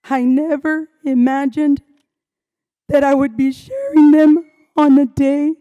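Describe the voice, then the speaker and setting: A woman school principal with a hoarse, strained voice gives an earnest, heartfelt welcoming address to students and families at a ceremony. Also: sits high, slow, dark tone, lo-fi sound. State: hoarse, losing her voice. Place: school event venue, indoors.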